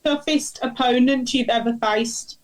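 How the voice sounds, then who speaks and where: A woman with a Birmingham accent casually asking quick-fire questions on a chat show. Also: fairly high pitch, fairly even intonation, over a noisy crowd, poor audio. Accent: Birmingham (Brummie).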